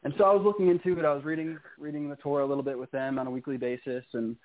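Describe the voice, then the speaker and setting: A man's voice: on the high side, steady tone, rapid-fire. Young male radio guest, earnest and hesitant, tinny phone audio. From New York. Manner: earnest, hesitant with many ums. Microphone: phone call.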